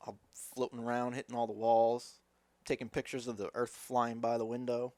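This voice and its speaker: A man with a New York accent co-hosting a podcast, answering in a relaxed, joking way. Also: mid-range voice, moderate pace, no room sound. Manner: laid-back, joking, easygoing answers. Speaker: podcast co-host. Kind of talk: casual banter.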